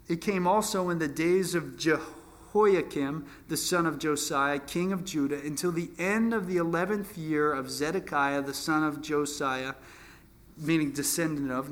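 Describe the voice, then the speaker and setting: This preacher, a man in his twenties, speaks a little slowly in a slightly high, somewhat bright voice. His Bible teaching is loose and conversational, self-deprecating, with frequent restarts mid-phrase.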